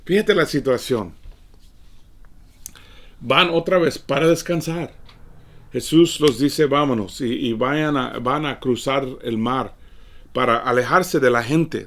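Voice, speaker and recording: A man preaching a sermon in a conversational, way. He repeats words often and moves from quiet asides to raised, emphatic lines. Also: mid-range voice. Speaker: pastor. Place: church or studio, livestreamed.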